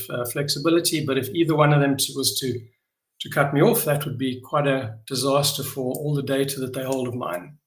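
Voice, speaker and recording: A middle-aged company founder with a South African accent gives an informal, unscripted address, earnest but hesitant, often pausing and repeating words. His medium-pitched voice is a bit bright, and the room sounds echoey.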